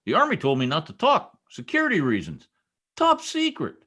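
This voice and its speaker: In an old-time radio comedy, a male actor plays a boastful, folksy small-town American husband who talks in a cocky, slangy, ungrammatical way. His voice is a little high with wildly swooping pitch, and he speaks at normal speed in a sharp, heavily acted tone.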